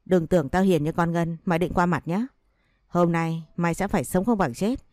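Picture a woman reading out a betrayed wife in a storybook, sharp-tongued and vengeful, hurling threats at her rival. The voice sits low and dark, with a dry close sound and no room around it. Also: normal speed, dry recording, close to an everyday voice. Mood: furious. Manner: scolding, cursing, threatening.

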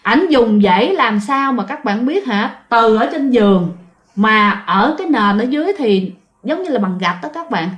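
A woman's voice: on the high side, lively intonation, normal speed. A woman with a Southern Vietnamese accent, casually telling a ghost story and speaking straight to her listeners. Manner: chatty, addresses listeners directly, frequent fillers.

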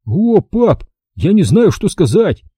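A man voicing an excitable young boy who shouts in alarm, in an audiobook reading. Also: high-pitched, takes it slowly, breathy edge, dry recording, studio quality, voice pushed up, exaggerated voice. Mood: surprised.

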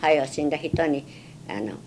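An elderly Japanese woman speaks in a low voice with a western Japanese dialect. She reminisces plainly and haltingly, as an interviewee would, with a little noise on the recording. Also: animated. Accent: western Japanese, Chugoku dialect. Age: 70s or older. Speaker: oral history interviewee.

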